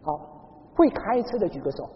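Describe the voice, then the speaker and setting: A woman's voice: mid-range voice, normal speed, slight background noise. A woman pastor from Taiwan preaching a sermon, telling stories and calling for answers from the congregation. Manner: lively storytelling with call-and-response to the congregation. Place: church hall. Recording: dull sound in a large echoing hall.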